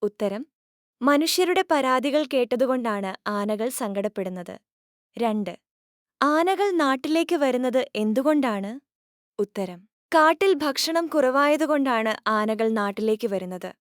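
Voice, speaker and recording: A woman with a high voice narrates a lesson for young children. She explains gently, asking each question and then answering it. The recording is a close, dry voice-over. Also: lively intonation, unhurried, no room sound. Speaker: teacher.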